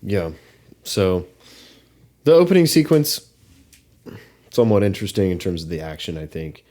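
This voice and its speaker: A young man with a fairly low voice chats loosely on a podcast. He circles his thoughts, restarting sentences and leaning on fillers as he works out what he thinks. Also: big pitch swings, moderate pace, mellow. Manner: hesitant, many fillers and restarts. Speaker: podcast co-host. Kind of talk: casual movie discussion.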